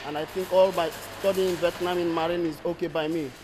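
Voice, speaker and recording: A man's voice: on the high side, little pitch movement, fast. A man in his twenties, a student, answering interview questions in an earnest, hesitant way as he searches for words. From Nigeria. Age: 20s. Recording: noisy outdoor ambience.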